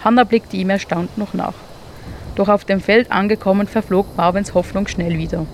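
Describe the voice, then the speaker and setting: A woman reading a children's animal story aloud in a calm, inviting, measured way. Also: medium pitch, a little hiss or hum.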